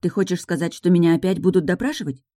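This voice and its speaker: A woman's voice: lowish voice, fast talker, mellow, no echo, studio quality, lightly acted. A woman voicing a blunt, practical young witch heroine in a matter-of-fact way. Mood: plain. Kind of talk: audiobook narration.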